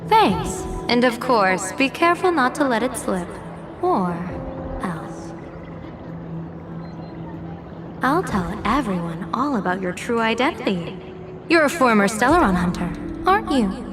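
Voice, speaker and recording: A sly young fortune-teller for a video game. She is teasing and dramatic, with highly animated pitch, over clear background music. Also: normal speed. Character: sly, theatrical young female fortune-teller, playfully blackmailing. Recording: music under the voice.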